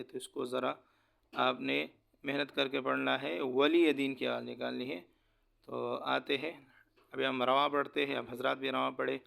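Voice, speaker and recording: A man teaching Quran recitation, spelling out each syllable slowly and then chanting the verses in a slow, drawn-out style, with quick low asides between drills. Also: gravelly, fairly bright tone.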